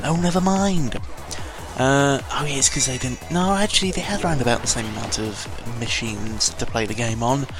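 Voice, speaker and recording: Speaking at a moderate pace and medium pitch, a British man offers offhand, meandering game commentary. The gaming vlogger curses often and revises himself mid-thought, over background music.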